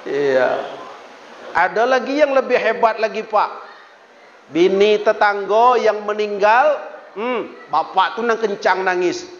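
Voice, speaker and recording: A man's voice: high voice, lively intonation, slow, a bit bright. A man preaching a humorous village sermon, teasing the audience and slipping into sing-song rhymes. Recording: echoey hall, dull lo-fi sound.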